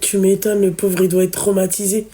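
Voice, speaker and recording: A woman's voice: mid-range voice, flat delivery, a little fast, dark tone. Shocked woman swearing in chat. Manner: swears, reacts with shock, stumbles over words. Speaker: friend listening. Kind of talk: casual chat.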